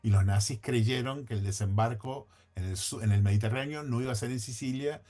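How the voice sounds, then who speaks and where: A man's voice: mid-range voice, fairly quick, warm tone. A man talking as a podcast guest, thinking aloud in a hedging, conversational way with frequent restarts and self-corrections.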